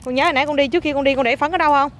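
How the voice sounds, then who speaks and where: A woman's voice: high voice, fairly even intonation, very fast, a bit bright. A mother, chatting with her toddler outdoors and coaxing them in a playful, repetitive way. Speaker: mother filming her child. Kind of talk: casual chat with a toddler. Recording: faint outdoor noise.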